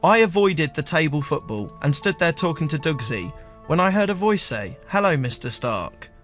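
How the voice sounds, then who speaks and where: A man with a fairly high speaking voice tells a comic story from his past in a dry, deadpan way. He sometimes stumbles over his words when the others tease him. Faint music plays under the talk. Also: moderate pace. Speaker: storyteller host.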